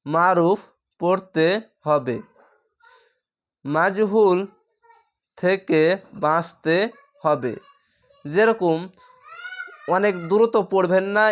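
Man, Quran reading teacher, very slow pace, smooth clear voice, patient letter drills. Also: high-pitched. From Bangladesh. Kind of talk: slow step-by-step lesson.

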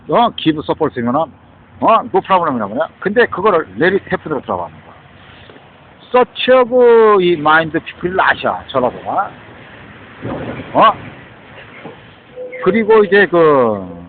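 A man rambles through a monologue, sprinkling in English words and constantly tossing out "huh?" and "right?". His voice is fairly high, with a little hiss or hum, and the recording sounds tinny, like a phone.

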